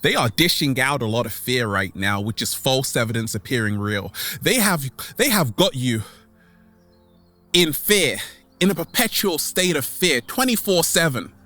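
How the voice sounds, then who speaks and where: With soft music in the background, a man uses a mid-range, very animated voice with a sharp tone. He acts as a vlog host in a theatrical, playful motivational monologue for his online followers, repeating catchphrases and drawing words out for emphasis.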